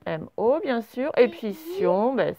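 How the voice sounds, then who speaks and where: High-voiced woman dictating slowly. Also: big pitch swings, a crowd in the background. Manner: slow, drawn-out dictation, spelling syllable by syllable. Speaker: primary school teacher. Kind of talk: dictation lesson for children.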